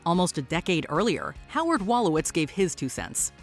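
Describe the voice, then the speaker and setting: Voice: mid-range voice, wildly swooping pitch, moderate pace, faint music behind. A narrator reading a scripted countdown voice-over with wry commentary.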